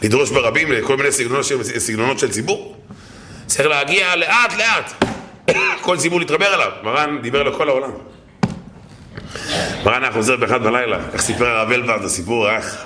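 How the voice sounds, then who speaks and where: A man's voice: mid-range voice, long pauses, echoey room, background noise. A man giving a storytelling sermon to a congregation, acting out the people in his stories with shifting voices and exclamations. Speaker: rabbi giving a Torah talk.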